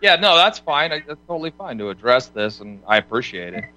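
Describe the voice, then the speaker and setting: A man co-hosting a talk show, chatting casually with halting starts, repeated words and jokes. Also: mid-range voice, very animated, bright, forceful tone, low-quality recording. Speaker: show host.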